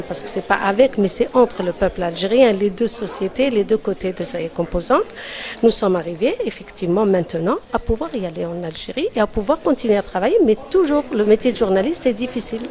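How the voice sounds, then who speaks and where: A woman speaks at an average pitch as an interview guest. She gives her testimony emphatically and insists on her points. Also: a little mellow. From Algeria. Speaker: interview guest, former university teacher.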